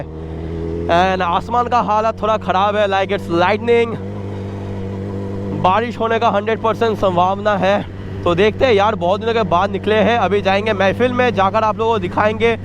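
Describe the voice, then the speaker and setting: Chatty young man vlogging from a motorbike. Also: sits high. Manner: chatty, addresses viewers directly, mixes English phrases into Hindi. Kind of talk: casual vlog narration while riding. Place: outdoors on a motorcycle in city traffic. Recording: outdoor traffic noise behind the voice. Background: street and vehicle noise.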